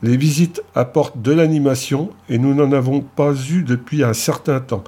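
A man's voice: mid-range voice, moderate pace, warm tone, husky, natural voice. A man voicing a giant, jovial male clan chief who talks bluntly and heartily in an audiobook story. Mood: curious.

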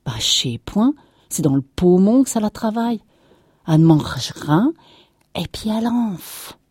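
A woman's voice: medium pitch, lively intonation, unhurried, a little mellow, breathy edge, no echo, clean studio sound, voice pushed up. A woman reader voicing a worried peasant farmer who talks in a drawling country way. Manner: drawling rustic speech. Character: worried middle-aged peasant farmer, slow and glum.

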